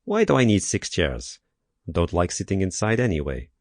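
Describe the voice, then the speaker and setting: A man's voice: low-pitched, big pitch swings, normal speed, no room sound, studio quality, heavily acted. A man putting on a defiant old Turkish mother. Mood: defiant scolding. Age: 70s. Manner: broken English, blunt and defiant. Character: stubborn old immigrant mother, fierce, scolding.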